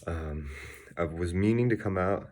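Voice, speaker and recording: Young man, very low voice, rambling offhand sports vlog host, slightly winded. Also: unhurried, darkish tone, slight background noise. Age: young adult. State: slightly out of breath. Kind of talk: casual sports vlog talk.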